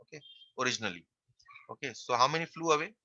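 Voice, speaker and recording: A man's voice: medium pitch, fast, bright, forceful tone, dry recording, lo-fi sound. A man teaching a math class online, working through a percentages problem step by step and repeating the key phrases.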